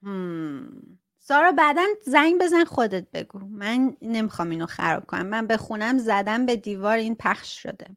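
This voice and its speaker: A woman's voice: fairly high pitch, animated, dry recording, clean studio sound. A woman chatting casually with her viewers about self-awareness, reading out their comments and laughing often. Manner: chatty, laughs often, mock-strict imitations.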